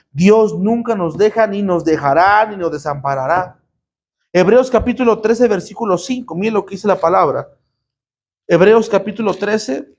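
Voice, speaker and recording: A man's voice: sits high, darkish tone. A man preaching a sermon to a congregation as pastor, emphatic, with rhetorical questions and call-and-response. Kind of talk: sermon teaching.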